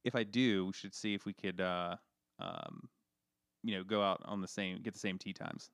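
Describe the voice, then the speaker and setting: Rambling man with a smooth low voice. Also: moderate pace, fairly bright tone, no echo, clean studio sound. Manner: rambling, filler-heavy, self-deprecating. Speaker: podcast co-host. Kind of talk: casual chat.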